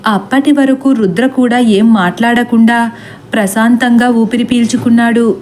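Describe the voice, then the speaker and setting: Mellow woman telling a horror story. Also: on the high side, steady tone, moderate pace, a little hiss or hum. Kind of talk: scripted horror story narration.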